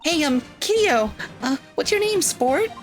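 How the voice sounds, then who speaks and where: A woman voicing an excitable, easily offended young female sidekick in an amateur video game read-through. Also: high voice, measured pace, faint music behind, pitched above the performer's own voice. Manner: eager, exclamatory.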